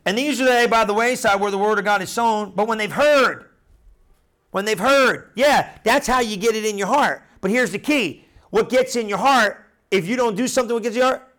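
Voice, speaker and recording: Middle-aged male pastor, high-pitched voice, lively sermon delivery with call-and-response repetition. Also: moderate pace. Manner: animated preaching with repeated phrases and congregation call-and-response.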